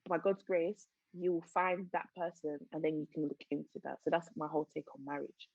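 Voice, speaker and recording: A young woman hosts a casual podcast chat, sharing her views on faith in an earnest, reflective way. Her voice is low and darkish with vocal fry, her intonation fairly even and her pace moderate. The lo-fi audio is dull and dry, with no room sound.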